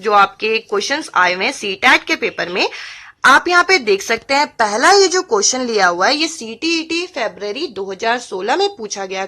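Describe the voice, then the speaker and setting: A woman's voice: high-pitched, pushed and bright. A woman teaching an exam-prep lesson. She reads points from slides and then explains each one step by step. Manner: reads English points slowly, then explains them in Hindi.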